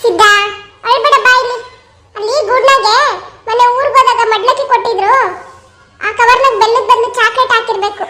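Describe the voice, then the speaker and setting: A woman's voice: very high voice, steady tone, fairly quick, long pauses, sharp tone, faint music behind. A woman voicing a fond village grandmother in a cartoon, speaking in a coaxing, soothing way.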